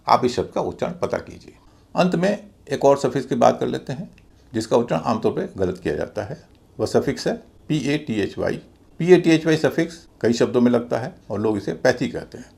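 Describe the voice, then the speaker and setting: In a scripted English pronunciation lesson, a man slowly and deliberately spells out letters and syllables. His mid-range voice is a little mellow, with some vocal fry.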